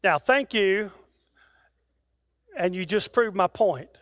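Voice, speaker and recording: A pastor stands in a church sanctuary and preaches in a very high male voice. He builds long rhythmic lists, then drops into plain conversational asides to his congregation. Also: animated, slow pace, fairly bright tone, a little hiss or hum. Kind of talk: sermon.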